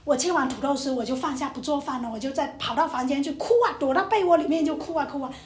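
A young woman with a high voice tells her testimony from the pulpit. She is emotional and vivid, slipping into the voices of the people in her story. The room is echoey. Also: fast. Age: young adult. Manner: emotional storytelling, acting out quotes. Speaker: preacher. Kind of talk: testimony sermon.

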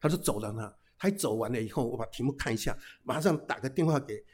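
A middle-aged man, a pastor, giving a humorous sermon, telling lively anecdotes peppered with casual tag particles and English phrases. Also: medium pitch, fast, husky. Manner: lively storytelling with frequent "哈" tags and English phrases.

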